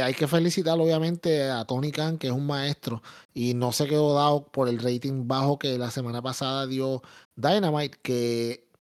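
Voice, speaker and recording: A man's voice: mid-range voice, darkish tone. A man with a Puerto Rican Spanish accent doing casual wrestling podcast commentary, informal and slangy, dropping English words into his Spanish. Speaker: podcast co-host.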